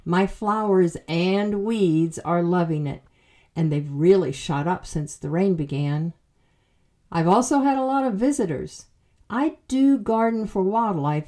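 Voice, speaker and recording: A woman hosts a home garden video in a scripted narration style. Her voice sits a little low and has a soft, dark, relaxed tone. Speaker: gardener and channel host.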